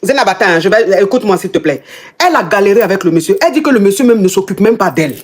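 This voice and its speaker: Woman, live-stream coach, animated, interrupting, rapid speech. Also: mid-range voice. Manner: animated, interrupting, repeats herself. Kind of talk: casual live call-in show.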